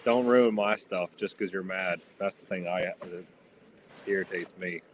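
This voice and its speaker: A man's voice: deep voice, a little slow, slight background noise. A man talking casually, rambling with lots of fillers. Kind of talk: casual chat.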